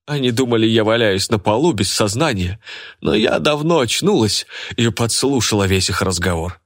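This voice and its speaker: A man's voice: on the low side, lively intonation, normal speed, no room sound, clean studio sound. A man voicing a jealous, burly young woman who bellows and bosses everyone around. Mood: boastful. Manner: bellowing and bossy.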